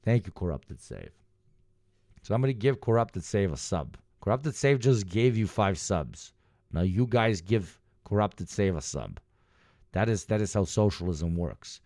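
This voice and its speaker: A man's voice: low voice, lively intonation, normal speed, mellow, no room sound, clean studio sound. A man hosting a livestream, chatting casually and giving sardonic, rambling political commentary with sweary asides. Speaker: livestream host.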